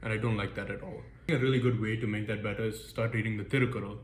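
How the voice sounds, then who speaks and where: A man's voice: fairly low pitch, steady tone, rapid-fire. A young man from the United States talking casually through his goals in a vlog, upbeat and self-deprecating. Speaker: vlogger. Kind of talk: casual goal-setting vlog. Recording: echoey room with faint background noise.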